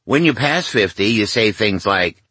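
A man in his sixties with a low, husky voice tells his memoir as if talking to his mother. He sounds wry and confiding and slips in jokes at his own expense. The sound is close and dry. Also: animated, measured pace, pushed and bright, no echo. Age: 60s. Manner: wry, confiding, conversational with self-mocking asides. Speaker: memoir author.

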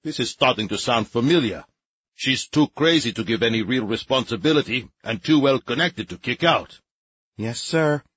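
Man voicing a patient female adjutant, level-headed, brisk, dry close sound. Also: medium pitch, husky, dry recording, highs cut off, pitched above the performer's own voice. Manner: calm, patient explaining. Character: woman adjutant, patient and dryly sensible.

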